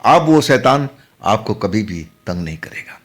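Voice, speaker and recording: A man voicing a calm, smiling woman neighbor who knows tantra and reassures a frightened young man, in a low voice close to his own. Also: a little slow. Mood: reassuring. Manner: reassuring, gently scolding.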